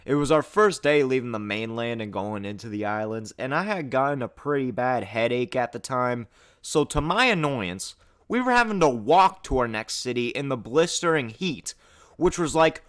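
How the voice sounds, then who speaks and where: A man telling a travel horror story in a storytime narration, profane and animated, getting louder and higher at the scary parts. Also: moderate pace, clean tone. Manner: profane, animated storytelling that climbs loud and high at tense moments. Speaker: storytime YouTuber.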